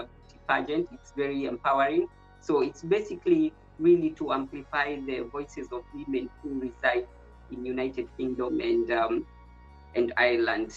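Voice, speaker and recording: A woman from Kenya in her thirties, a pageant contestant answering interview questions with many pauses and fillers. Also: rumbling low, muffled recording. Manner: hesitant, many fillers and restarts.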